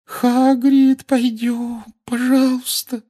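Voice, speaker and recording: A man voicing a shrill, frightened teenage girl. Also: flat delivery, slow pace, warm tone. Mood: pleading. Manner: shrill, pleading, agitated. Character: panicked teenage schoolgirl, high and frightened.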